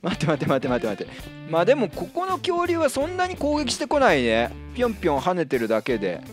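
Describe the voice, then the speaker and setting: A man hosting a casual gameplay commentary, reacting out loud and yelping when startled. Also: high voice, quick pace, faint music behind. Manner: excitable, yelps and laughs when startled. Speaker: Minecraft let's-play host.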